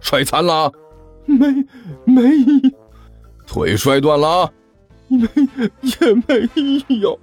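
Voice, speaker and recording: Dude doing a grumpy math teacher yelling at class, lively voice. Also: male voice, fairly high pitch, takes it slowly, pauses often, soft background music, pitched above the performer's own voice. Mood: impatient. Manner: scolding, barking. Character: short-tempered male math teacher.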